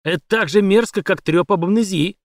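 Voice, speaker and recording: A man voicing a menacing, bullying armed police chief who barks loud threats. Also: high voice, a little fast, dry recording, studio quality, pitched above the performer's own voice. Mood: barking.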